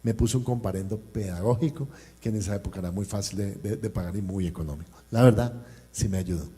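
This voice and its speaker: A man with a Colombian accent preaches to his congregation at a church service. He tells a personal story and acts out each person's lines as he goes. His voice has a warm, mellow tone. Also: lowish voice, fast talker. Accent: Colombian Spanish. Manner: storytelling, acting out dialogue and addressing the congregation. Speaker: pastor. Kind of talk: sermon with personal anecdote.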